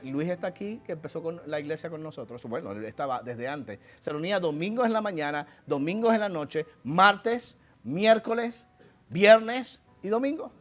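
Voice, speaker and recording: High-voiced preaching pastor. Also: male voice. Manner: rises from low, conversational asides to loud, emphatic exhortation; acts out congregation members in mock voices. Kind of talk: sermon. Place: church sanctuary.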